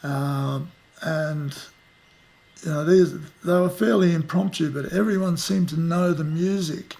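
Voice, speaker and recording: A man in his fifties with an Australian accent, talking in an unhurried, reflective way as an interviewee, often trailing into fillers. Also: a little high, fairly even intonation, vocal fry, darkish tone. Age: 50s. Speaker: musician interviewee. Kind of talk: casual interview. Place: outdoors at the back of a house, rainy day.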